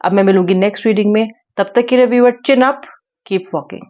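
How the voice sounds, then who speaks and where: A woman's voice: medium pitch, fairly quick, a little mellow, highs cut off. A woman giving a tarot reading to her viewers, speaking earnestly and repeating her key words. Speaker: tarot reader.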